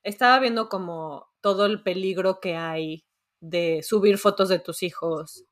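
A woman's voice: lowish voice, a little slow. A Mexican woman in her thirties hosting a podcast, talking frankly and with slang in casual chat. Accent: Mexican Spanish. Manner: frank, slangy, loose talk. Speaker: podcast host.

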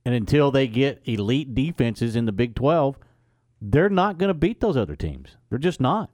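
A man's voice: medium pitch, big pitch swings, normal speed, a little mellow, no room sound, studio quality. A man hosting sports radio, giving opinions and reading score updates. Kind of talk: sports talk and scripted sports update.

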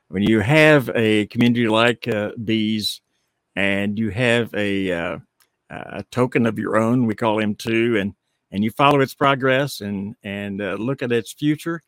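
Halting male host, dry close sound. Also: lowish voice, dry recording. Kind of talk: unscripted live panel show hosting.

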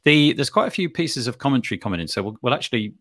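A man hosting a casual panel discussion, relaxed and quick to chime in with agreement. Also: mid-range voice, no room sound, clean studio sound.

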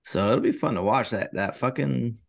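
A man's voice: medium pitch, animated, moderate pace, gravelly, no room sound. A man co-hosting a casual sports podcast, laid-back, swearing freely and laughing often. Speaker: podcast co-host.

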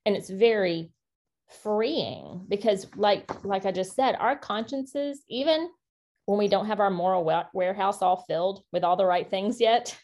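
A woman co-hosting a casual faith-based parenting podcast, talking in an earnest, encouraging way with quick asides. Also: mid-range voice, expressive, darkish tone. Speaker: podcast co-host.

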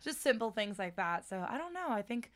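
A woman's voice: on the high side, sing-song, fairly quick. A woman hosting a podcast in a casual, conversational style. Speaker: podcast host. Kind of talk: casual chat.

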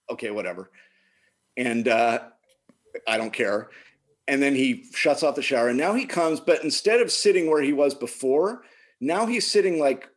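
A man casually telling a funny personal story, animated and laughing often. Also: medium pitch. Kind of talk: casual chat.

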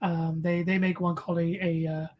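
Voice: mid-range voice, flat delivery, normal speed, a little hiss or hum. A podcast co-host chatting casually over beers, rambling through anecdotes and correcting themselves as they go.

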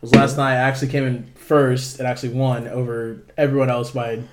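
A man's voice: mid-range voice, level tone, brisk. A young man in casual chat as a podcast co-host, talking like a frat bro, with lots of slang and swearing.

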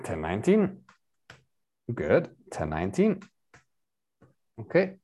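Male English tutor, patient, lively pitch. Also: slow, husky. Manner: patient, switches between English and Spanish, repeats and explains. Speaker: English teacher. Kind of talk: online bilingual English lesson.

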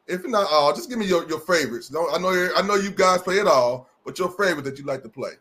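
A man's voice: sits high, animated, quick pace, fairly bright tone. A man hosting a casual online music show, joking and talking with emphasis. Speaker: host. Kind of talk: casual chat.

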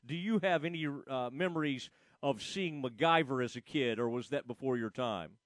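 A man hosting a casual sports radio chat, talking in a rambling, halting way with frequent false starts. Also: medium pitch, dry recording.

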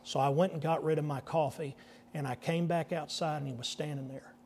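A man in his fifties preaches as a pastor, his voice sitting a little high for a man. He tells a personal story from the pulpit in an animated way, acting out the people he meets. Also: brisk, slight background noise. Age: 50s. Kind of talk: storytelling sermon.

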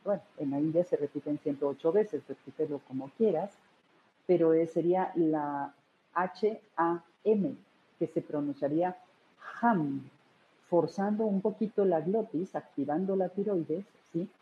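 A woman's voice: sits low, moderate pace. A woman giving a spiritual wellness lesson, explaining things and speaking directly to her listeners. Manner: warm-hearted, explanatory, addresses listeners directly. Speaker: energy healing teacher. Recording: tinny phone-like line with faint hiss.

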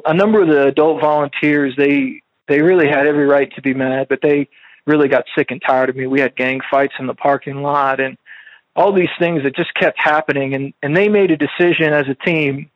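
A man's voice: fairly high pitch, fairly even intonation, fairly quick, dry recording. Man telling a faith testimony, muffled radio sound. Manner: casual, rambling, many fillers and restarts. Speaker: speaker sharing a faith testimony. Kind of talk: personal testimony storytelling.

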